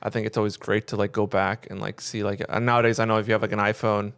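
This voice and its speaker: A man's voice: lowish voice, little pitch movement, quick pace, fairly bright tone, clean tone. A man co-hosting a podcast, easygoing and joking, with hesitant fillers. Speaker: podcast co-host. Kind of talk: casual chat.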